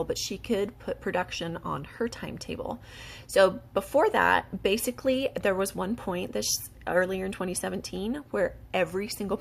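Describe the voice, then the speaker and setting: An eager woman pitches a business opportunity in a loose, chatty way, full of fillers and quick laughs. Her voice has a gravelly fry running under it, and her pitch sits in a middle range. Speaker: beauty product distributor. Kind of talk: casual promotional pitch.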